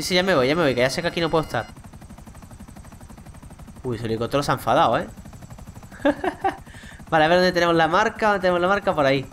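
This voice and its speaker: A young man with a Spain Spanish accent giving chatty, excitable let's play commentary to his viewers, swearing casually as he plays. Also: on the high side, slight background noise. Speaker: gaming YouTuber.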